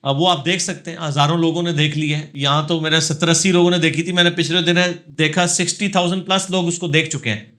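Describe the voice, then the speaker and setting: A man's voice: a little high, fairly even intonation, few pauses, a bit bright. A man, a religious scholar answering audience questions in a live session, lecturing emphatically and checking in with tag questions.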